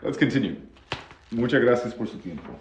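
A man's voice: mid-range voice, expressive, moderate pace, echoey room, background noise. A man teaching pronunciation on a live stream, explaining in Spanish and drilling sounds over and over. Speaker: English teacher.

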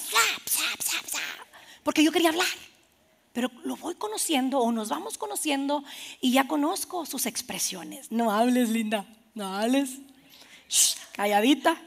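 Woman pastor, high gravelly voice, playful sermon delivery. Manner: animated, playful preacher acting out little scenes. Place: church.

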